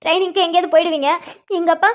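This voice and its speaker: A frightened, stubborn young woman who begs and insists to get her way. Her voice sits very high, almost girlish. It is a cartoon love story. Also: fairly even intonation, very fast. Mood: insistent. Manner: pleading, insistent. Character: young woman, anxious, clingy, stubborn bride-to-be. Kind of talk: cartoon voice acting.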